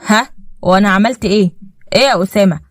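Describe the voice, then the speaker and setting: A woman's voice: medium pitch, racing, no echo, clean studio sound, close to an everyday voice. A woman with an Egyptian accent voicing a confused husband who has lost his memory, defensive and pleading by turns.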